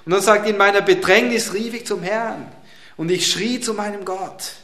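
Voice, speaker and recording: A man preaching a sermon who swings dramatically between loud, emphatic lines and hushed, quiet ones. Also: sits high, moderate pace. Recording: roomy echo.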